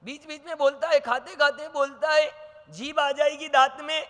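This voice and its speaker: A man's voice: extremely high pitch, level tone, moderate pace, fairly bright tone, big-room sound. A man preaching as a monk, delivering a sermon with anecdotes and acting out the dialogue, asking rhetorical questions. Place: large hall with audience.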